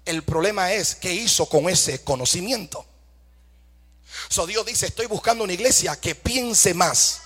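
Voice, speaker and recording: A man's voice: high voice, unhurried, fairly bright tone, big-room sound. A man preaching a fervent sermon, asking rhetorical questions, calling for amens and mixing English phrases into his Spanish.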